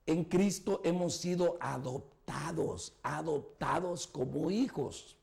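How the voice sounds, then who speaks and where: A man's voice: medium pitch, gravelly, a little mellow, slightly rough. A male pastor preaching a sermon, emphatic, pressing the listener with rhetorical questions.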